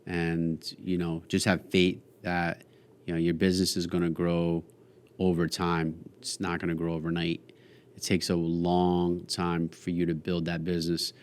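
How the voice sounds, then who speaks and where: A man's voice: sits low, completely flat delivery, moderate pace, clean tone. A man co-hosting a podcast in casual chat, talking bluntly and swearing freely. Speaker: podcast co-host, realtor.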